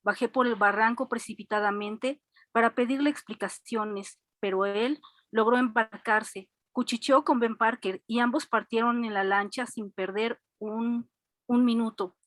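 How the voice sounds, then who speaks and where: A woman student reads a story aloud in a fairly high voice. She gives the lines life as she goes. The sound is dry and close. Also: steady tone, measured pace, fairly bright tone, dry recording.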